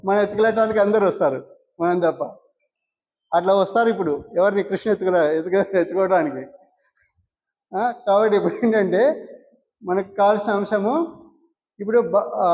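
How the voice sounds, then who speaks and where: A man with a Rayalaseema Telugu accent gives a devotional discourse as a spiritual teacher, asking his listeners questions and answering them himself. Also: high-pitched. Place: prayer hall. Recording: muffled recording with long hall reverb.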